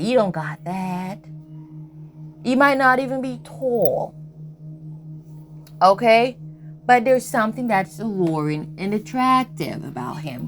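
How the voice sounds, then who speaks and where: A woman's voice: on the low side, slight background noise. Blunt, emphatic woman ranting casually. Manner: blunt, emphatic, repeats "Okay?", swears freely. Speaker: tarot and astrology content creator. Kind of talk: casual spiritual commentary monologue.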